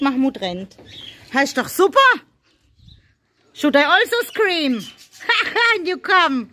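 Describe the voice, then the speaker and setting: A middle-aged German woman with a lilt talks through her vlog in a chatty, animated way. Her pitch leaps and dips freely as she goes, and she drops into plain English now and then. She sounds like she is in a farmyard among animal pens. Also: slight background noise. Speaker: vlogger. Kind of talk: casual vlog chat.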